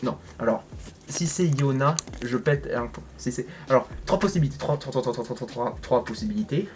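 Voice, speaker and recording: Joking young-sounding French gamer. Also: male voice, mid-range voice, normal speed, a little mellow, a little hiss or hum. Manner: joking, exaggerated reactions, slangy. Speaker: gaming content creator. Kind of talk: reading a visual novel aloud with commentary.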